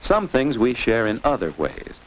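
Reading from a script for a 1950s educational film aimed at children, an American man speaks in a sing-song way at medium pitch and a moderate pace. He lectures didactically and puts questions to young viewers, heard through a muffled, noisy old soundtrack.

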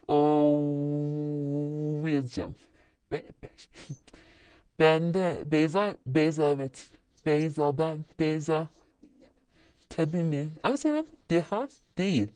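A woman vlogger with a dark, smooth voice talks slowly with long pauses, chatting casually to viewers as she types messages in a screen recording. She mutters to herself and breaks into sudden high-pitched exclamations, and the recording is dry.

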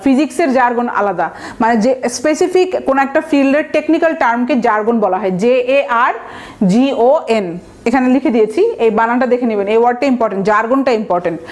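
A woman from Bangladesh teaching exam vocabulary in a recorded lecture, explaining patiently and spelling words out letter by letter. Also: high voice. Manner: mixes English words and example sentences into her explanations.

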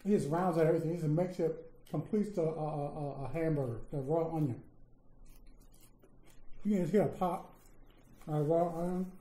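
A woman co-hosting an eating show, talking while chewing in relaxed, savoring food commentary. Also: sits low, moderate pace, pauses often. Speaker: co-host of an eating channel. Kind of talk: casual mukbang chat. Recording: echoey room.

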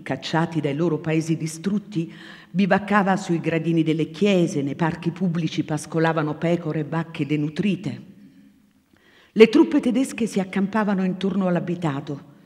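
A woman actress reading a novel aloud to an audience, measured and expressive, her voice falling soft at pauses. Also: fairly low pitch. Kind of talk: literary reading before an audience. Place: small theatre foyer hall. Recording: live in a reverberant theatre room.

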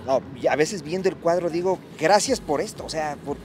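A man in his thirties with an Ecuadorian accent, answering in a grateful, laughing way with halting restarts, outdoors into a handheld mic. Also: on the high side, background noise. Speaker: director, guest. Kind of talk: interview answers. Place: city street outdoors. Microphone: handheld microphone held by interviewer.

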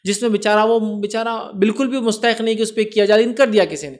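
High-voiced man explaining religious rulings. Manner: explanatory, often checks understanding with "right?"; mixes English words into Urdu. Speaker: Islamic speaker answering viewers' questions. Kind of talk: religious Q&A lecture.

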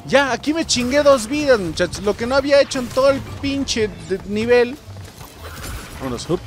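A man's voice: very high-pitched, moderate pace. A young man with a Mexican accent giving casual let's-play commentary, swearing and yelping at his mistakes and talking straight to his viewers. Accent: Mexican Spanish. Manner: excitable, swears and yelps at mistakes, talks to viewers. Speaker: gameplay streamer.

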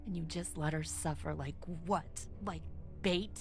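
An actress playing a tense, suspicious woman camp leader who speaks in a sharp, accusing way. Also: deep voice, extremely slow. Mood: angry. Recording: game audio with faint music.

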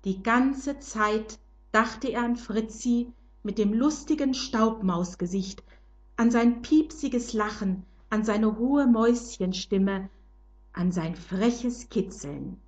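An older woman slowly and gently narrating a children's storybook. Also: on the high side, dull audio.

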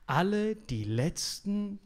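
A young man performing a stand-up comedy set on a club stage, talking street slang with English phrases and jumping between loud bursts and muttered asides. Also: sits high, very animated, takes it slowly. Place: comedy club stage before a live audience.

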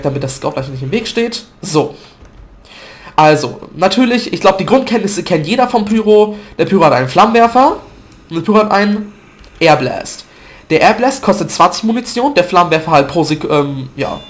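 This man's fairly high voice comes through a home desk mic with a little hiss or hum. Congested from a cold, he gives casual gameplay commentary for a gaming video, peppered with fillers and self-corrections.

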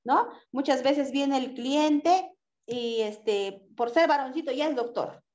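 A woman teaches pharmacy customer service in an animated lecture, often checking in with her listeners. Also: sits high, slow pace. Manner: animated, acts out customer exchanges, tag questions. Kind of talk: lively lecture with acted examples. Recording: echoey room, dull lo-fi sound.

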